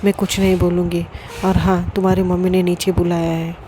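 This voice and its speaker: A woman's voice: on the low side, level tone, brisk, noisy background, lightly acted. Woman voicing a blunt, scolding young friend.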